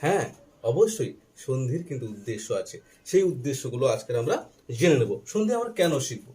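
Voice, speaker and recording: A man teaching a Bengali grammar lesson, slowly spelling out letters and asking and answering his own questions, with a faint Bangladeshi Bengali accent. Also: medium pitch, very animated, a little mellow. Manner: slow and deliberate while writing, spelling out letters.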